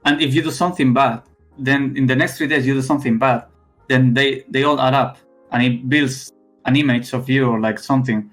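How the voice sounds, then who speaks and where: A young man from Spain with a thick Spanish accent, a guest in a casual interview, talking haltingly with many restarts and fillers. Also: medium pitch, steady tone, fairly bright tone, soft background music. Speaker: esports player guest.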